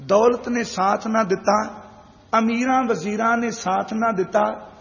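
A man giving a Sikh sermon, telling stories and slowly chanting verses in a sing-song way. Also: high voice, steady tone, creaky, fairly bright tone. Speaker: preacher. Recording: dull long reverb.

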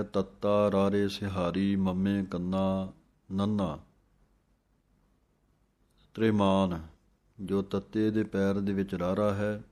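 Slow, measured recitation teacher. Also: male voice, fairly low pitch, darkish tone. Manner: slow drawn-out recitation of words, then quick explanations; measured and instructive. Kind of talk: pronunciation lesson.

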